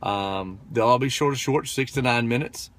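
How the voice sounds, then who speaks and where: A man's voice: medium pitch, moderate pace, a bit bright, no room sound. A man in his thirties talking casually to camera, telling a story with many fillers and "right?" tag questions. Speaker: motivational vlogger.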